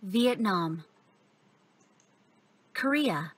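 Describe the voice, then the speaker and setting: A woman reading words slowly and carefully for a textbook listening track. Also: mid-range voice, animated, slightly rough, distant mic. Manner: slow, careful, exaggerated pronunciation. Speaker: course audio voice. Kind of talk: scripted textbook audio.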